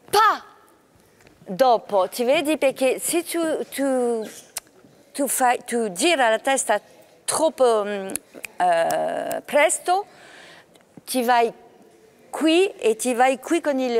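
Lively woman coaching a ballet student. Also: on the high side. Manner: mixes languages, counts and sings out rhythms. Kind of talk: coaching a dancer in class.

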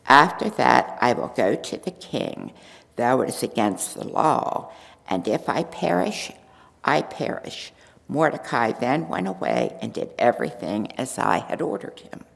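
An older woman stands at a lectern mic in a vast church sanctuary, giving Queen Esther a full, animated character voice as she reads the queen's first-person monologue from a script. She stays earnest, steady and resolute, her tone low, gravelly and unhurried, while a long church reverb carries every line.

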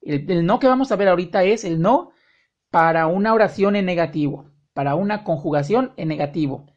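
A woman teaching an online language lesson, speaking directly to the learner and drawing out her example sentences slowly. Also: on the low side, a little mellow, dull audio. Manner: slow, drawn-out example sentences, friendly direct address. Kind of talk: online lesson explaining grammar.

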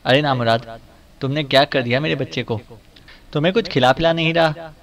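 A man voicing a fierce, superstitious elderly mother who scolds loudly and shrilly. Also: mid-range voice, normal speed, close to an everyday voice. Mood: angry scolding.

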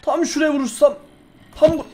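A man's voice: very high voice, flat delivery, brisk, dark tone, soft background music. A man giving playful, theatrical commentary on his own game, addressing viewers and in-game animals in a mock-dramatic tone. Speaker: gaming YouTuber. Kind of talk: playful Minecraft let's-play commentary.

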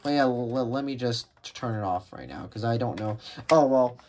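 With a mid-range voice at a moderate pace, a vlogger gives casual commentary while unboxing radios. He tends to ramble, hesitates, and keeps restarting sentences; the noisy home recording also catches handling clicks.

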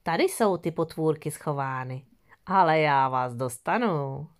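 A woman's voice: low voice, lively intonation, pitched below the performer's own voice. A woman voicing a sly, greedy female fox in an audio fairy tale, grumbling indignantly under her breath. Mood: gleeful.

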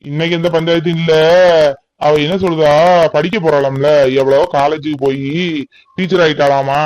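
A man's voice: a little high, little pitch movement, normal speed, a little mellow, natural voice, rough recording. A man playing a sarcastic stern older brother. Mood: mocking. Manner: sarcastic, dismissive.

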